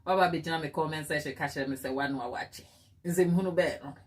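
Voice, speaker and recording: Speaking a little fast in a low-pitched voice, this Ghanaian-accented woman runs a chatty cake decorating livestream. She greets viewers as "my people" and slips Twi into her talk.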